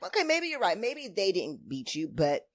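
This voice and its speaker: A woman talks through an opinionated recap like a co-host who pulls no punches. Her delivery is blunt and emphatic, with plenty of sass and a highly animated pitch. The sound is dry, without room echo. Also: normal speed. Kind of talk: casual opinionated recap chat.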